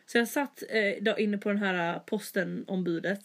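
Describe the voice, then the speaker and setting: A young woman telling an everyday story in casual chat, acting out the people she talked to. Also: medium pitch. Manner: animated retelling, acts out quoted exchanges.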